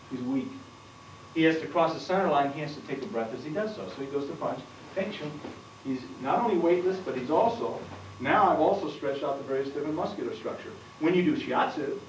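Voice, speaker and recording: Distant, roomy 1990s camcorder audio with a little hiss or hum captures a mid-range male voice. He is running a martial arts seminar in a training hall, demonstrating techniques on a partner while explaining them and often putting questions to the class.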